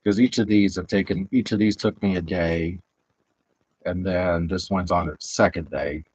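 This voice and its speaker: A man with a Southern accent chatting casually while streaming, rambling and halting with lots of fillers, on a headset mic. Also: low voice, steady tone, a little mellow, lo-fi sound, slight background noise. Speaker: streamer building Lego. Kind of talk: casual live-stream chat.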